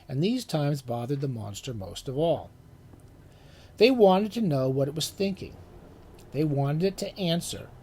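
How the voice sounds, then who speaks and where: Animated man reading his own fiction. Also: on the high side, husky.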